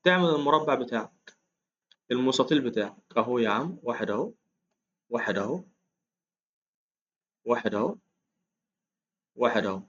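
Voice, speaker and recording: Fast-talking Egyptian man teaching math. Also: medium pitch, lively intonation, fairly bright tone, muffled recording. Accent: Egyptian Arabic. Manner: chatty, coaxing, counts aloud, calls listener "ya 3am". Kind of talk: casual explained lesson.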